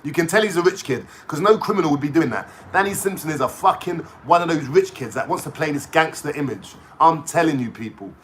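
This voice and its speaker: A man's voice: on the high side, animated, brisk, hardly any pauses, fairly bright tone, a little hiss or hum. A young man, ranting to camera in a mocking, slangy way, swearing a lot. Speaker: vlogger.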